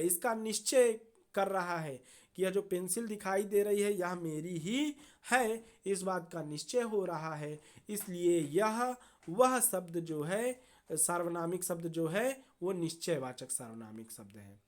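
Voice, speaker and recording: A woman teacher explaining a grammar lesson to students, slow and deliberate, often checking in with a quick "okay" and repeating key terms. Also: on the low side, animated.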